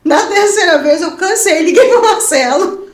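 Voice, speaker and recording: A woman giving an animated personal testimony as a guest evangelist, laughing often and acting out her own quoted words. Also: very high voice, normal speed, a little hiss or hum. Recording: roomy echo.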